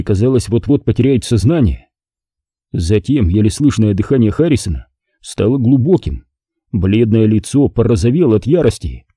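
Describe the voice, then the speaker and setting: A man narrating a crime novel as an audiobook in a measured, expressive reading, close to the mic. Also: on the low side, husky, dry recording.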